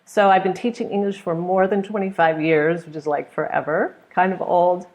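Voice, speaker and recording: A middle-aged woman from California with a standard American accent, teaching a pronunciation webinar in clear, simple, encouraging explanations. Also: fairly low pitch, steady tone, normal speed, darkish tone. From California, United States. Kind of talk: webinar lesson, explaining to students. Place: small plain room indoors. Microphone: earphone headset on a webcam video call.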